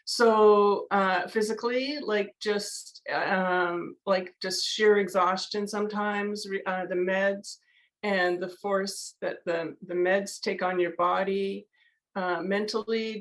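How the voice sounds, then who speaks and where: A woman's voice: on the low side, gravelly, poor audio. A woman from Canada, a guest in a casual interview, candid and conversational with many fillers. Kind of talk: casual video-call interview.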